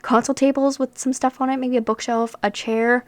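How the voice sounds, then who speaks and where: A woman's voice: high voice, little pitch movement, brisk, no echo. A young woman chatting casually over gameplay, rambling and self-deprecating, with frequent laughs. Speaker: sims builder and video creator.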